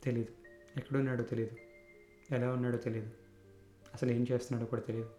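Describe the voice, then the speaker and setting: A man's voice: medium pitch, level tone, fast, warm tone. Man, thirties, reflective storyteller, echoey room, faint music behind. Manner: reflective, conversational. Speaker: narrator. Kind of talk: first-person storytelling. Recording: roomy echo with faint music.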